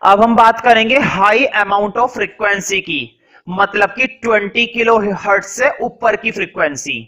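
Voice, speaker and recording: A young man teaching a class, dictating notes slowly and repeating each phrase, mixing Hindi and English and answering his own questions. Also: high voice, bright, forceful tone, poor audio.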